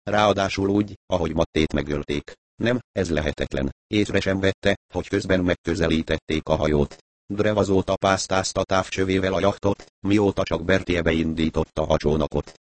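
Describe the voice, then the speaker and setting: Deep-voiced male audiobook narrator. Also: steady tone, dry recording. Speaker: audiobook reader. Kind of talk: scripted narration.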